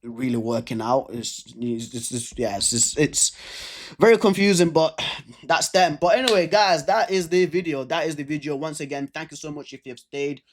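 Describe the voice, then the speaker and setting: A football video creator with a stammer talks viewers casually through a football stats breakdown, repeating words and restarting. Chatty and speaking straight to viewers, he has a fairly high voice at a normal speed.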